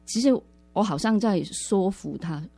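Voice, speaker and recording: A woman's voice: mid-range voice, measured pace, dark tone, slightly rough, soft background music. A woman sharing her personal faith testimony in a radio interview, earnest and reflective, often restarting her words.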